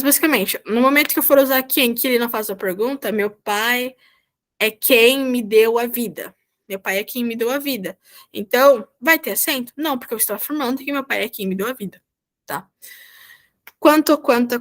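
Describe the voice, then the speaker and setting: A woman's voice: fairly high pitch, a little fast. Patient Brazilian woman teaching online. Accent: Brazilian Portuguese. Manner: patient, repeats "tá?" to check understanding. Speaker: volunteer Spanish teacher. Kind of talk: online class explanation. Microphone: video call.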